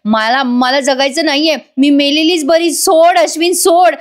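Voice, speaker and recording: A woman voicing a desperate, melodramatic young woman with a shrill, wailing delivery. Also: fairly even intonation, a little slow. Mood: hysterical.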